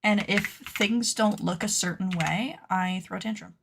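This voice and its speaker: A woman streaming casually while she works at a computer, playfully dramatic as she scolds her sewing patterns out loud. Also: medium pitch, a little slow, creaky, noisy background. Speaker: cosplay pattern maker and streamer. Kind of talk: casual livestream chat while working at a computer.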